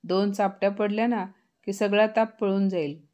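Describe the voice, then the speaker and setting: A woman's voice: mid-range voice, fairly even intonation, moderate pace, mellow, lightly acted. A woman voicing an older mother-in-law who finds fault and mocks her daughter-in-law. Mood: scornful. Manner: sneering, accusing.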